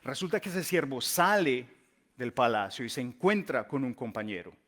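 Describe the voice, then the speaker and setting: A male pastor delivers a sermon in a storytelling style. He stresses key words by stretching them out, and his phrase endings fall away softly. His pitch sits at an ordinary middle level for a man. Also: big pitch swings, normal speed.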